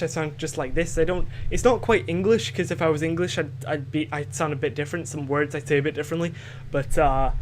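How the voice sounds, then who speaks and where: With a fairly high pitch and a light Scottish accent, a teenage podcast host talks from home in a loose, rambling way. Fillers and restarts crop up constantly as he hesitates. Slight background noise is present.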